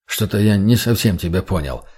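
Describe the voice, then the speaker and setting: A man voicing a fat, obsequious slave trader who fawns and placates in a raised, drawn-out voice. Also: animated, a little mellow, slightly rough. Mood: fawning. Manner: wheedling, placating, higher and slower.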